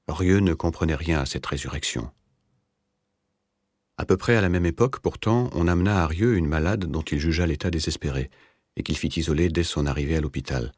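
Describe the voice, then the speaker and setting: An audiobook narrator, a man, gives a measured, literary reading of a novel. His voice is extremely deep, husky, and darkish, recorded dry and close with no room sound or echo.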